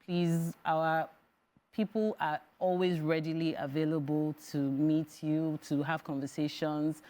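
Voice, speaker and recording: Low-pitched Nigerian woman giving advice. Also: flat delivery, measured pace, warm tone. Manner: advisory, step-by-step explaining. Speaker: financial firm executive, interview guest. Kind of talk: explanatory studio interview.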